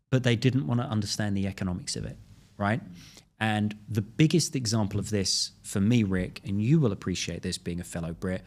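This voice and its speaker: A man with a London accent, a guest in a podcast interview who tells stories in an animated way. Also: fairly low pitch. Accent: London English. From London, England. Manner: animated storyteller, acts out quoted voices. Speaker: guest, crypto lawyer.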